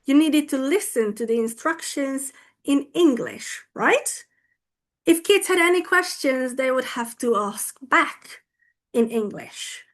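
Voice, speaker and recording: Presenting online at a conference, a Hungarian-born woman talks about how she teaches language, her voice sitting high and expressive. She takes her time with her words and keeps checking in with her audience.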